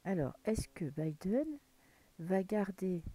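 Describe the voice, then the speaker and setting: A woman's voice: medium pitch, sing-song, slow pace, mellow. A woman from France giving a casual tarot reading to camera, thinking aloud as she draws cards and sometimes dropping to a whisper. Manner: muses aloud while drawing cards, drops into whispers. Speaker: tarot card reader.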